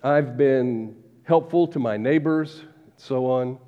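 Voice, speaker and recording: A man preaching a sermon as pastor, measured, slowing down to stress key words. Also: medium pitch, clean tone. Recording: dull lo-fi recording with long hall reverb.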